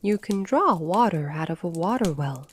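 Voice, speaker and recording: A woman's voice: lowish voice, lively intonation, moderate pace, a little hiss or hum, close to an everyday voice. A woman voicing a rude, impatient man at a tea party in a storybook reading. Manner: rude, curt.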